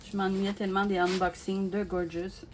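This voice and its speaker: A woman chats through a craft unboxing, with a mid-pitched voice and easy fillers. She repeats her words when she gushes and talks straight to her viewers. The home recording carries a steady hiss and small clicks. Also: moderate pace. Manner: chatty, gushing, many fillers and repeats. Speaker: crafting YouTuber. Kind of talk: casual unboxing talk to viewers. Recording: steady background noise with clicks.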